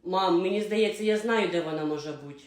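A woman voicing an indignant, dramatic teenage daughter in a comedy sketch, high and shrill. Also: a little fast, lightly acted. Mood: anxious. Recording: roomy echo.

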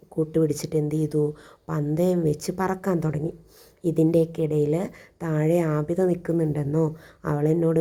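A woman's voice: deep voice, creaky, warm tone. A woman teacher reading a story to children and explaining it, asking questions and answering them herself. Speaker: primary school teacher.

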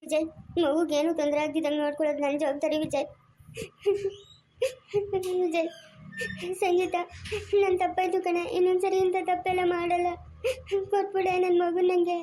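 A woman's voice: high voice, flat delivery, very fast, warm tone, a little hiss or hum, lightly acted. A woman acting a remorseful mother who pleads tearfully to get her son back, in an amateur family skit.

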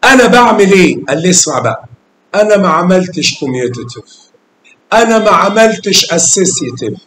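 A man's voice: high-pitched, very animated, quick pace, a bit bright, slight background noise. A man with an Egyptian Arabic accent teaching math to a class of children, coaxing them with questions and calling pupils by name with endearments. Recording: echoey classroom.

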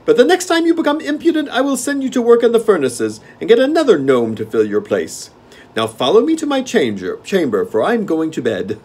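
A man doing the shrill, vain Gnome King. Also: very animated, a little fast, a little mellow, slightly rough, heavily acted. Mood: angry, imperious. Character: petulant vain male gnome king, easily angered.

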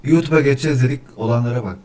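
A man's voice: mid-range voice, rapid-fire, a little mellow. Male streamer, casual and chatty; counts weekdays for mic checks and gets irritated with his setup. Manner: easily annoyed, grumbling about echo. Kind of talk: casual livestream chat.

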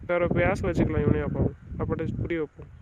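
A man's voice: a little high, steady tone, fast, creaky, heavy background noise. An actor playing a remorseful young husband who begs his wife not to leave, in a melodramatic drama with slightly dull sound. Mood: coaxing. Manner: begging, soothing, insistent. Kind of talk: melodramatic family drama acting.

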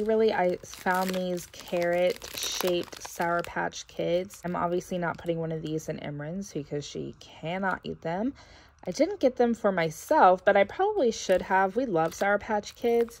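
A young woman narrating a casual haul video at home, thinking aloud as she sorts gifts, with a few soft laughs. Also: fairly low pitch, gravelly. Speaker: vlogger. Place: carpeted room at home, indoors.

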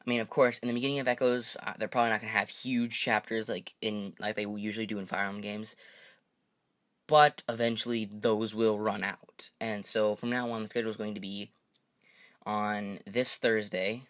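A man's voice: fairly low pitch, flat delivery, moderate pace, a bit bright. A young man hosting a gaming channel, talking casually through a video update in a rambling way, often correcting himself and apologizing. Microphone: desk microphone.

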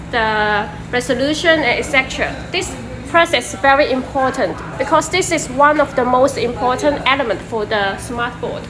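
A young woman, a sales manager, walking a viewer through a factory workshop, talking with frequent fillers and restarts. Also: high-pitched. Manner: hesitant, many fillers and restarts. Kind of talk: walking factory tour presentation. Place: large indoor factory workshop. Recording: echoey workshop, distant mic, loud background hum.

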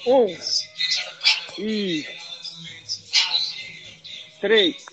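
A man's voice: sits high, very slow, muffled recording, music in the background. A man coaching a workout, encouraging and calling out rep counts. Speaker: personal trainer.

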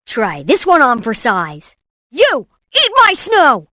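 In animated game clips of short exclamations and catchphrases, a clever, excitable boy inventor sounds playful and smug. He speaks slowly in an exaggerated, theatrical, self-assured way, his bright, forceful voice jumping in pitch with punchy delivery, recorded close, dry and without echo.

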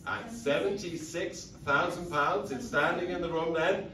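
A middle-aged man working as an auctioneer, calling bids at a live auction in a steady, rhythmic, repetitive patter. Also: fairly high pitch, measured pace, slight background noise. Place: auction saleroom, indoors. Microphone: lectern mic, filmed from the audience seats. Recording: echoey saleroom from far back, audience around.

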